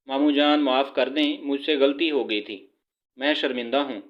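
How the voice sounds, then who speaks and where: A man voicing an earnest, lovesick young man who talks softly and pleads. He reads the part in his own voice. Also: medium pitch, fairly even intonation, highs cut off, lightly acted. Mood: pleading. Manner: soft, pleading.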